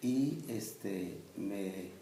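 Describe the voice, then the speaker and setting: A man's voice: low voice, animated, extremely slow, dark tone. Older man in an echoey, noisy room. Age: 60s. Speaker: audience member. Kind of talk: recounting a memory. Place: room at a public gathering. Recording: echoey room with background noise.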